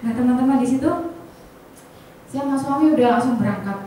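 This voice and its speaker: A woman tells a personal story to a room of colleagues, acting out each bit of dialogue with lively energy. Her voice sits a little high and sounds far from the mic, washed in the heavy echo of a big hall. Faint noise runs underneath. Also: a little fast. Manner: animated storyteller, acts out dialogue, often addresses the audience. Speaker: insurance agent speaking to colleagues. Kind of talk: personal story told to an audience.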